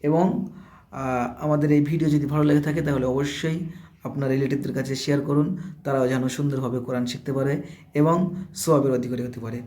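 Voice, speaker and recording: A man teaching Quran reading, slowly spelling out each Arabic letter with its vowel mark and then sounding it, in a patient, repetitive drill. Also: medium pitch, steady tone, mellow. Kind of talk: slow drilled recitation lesson.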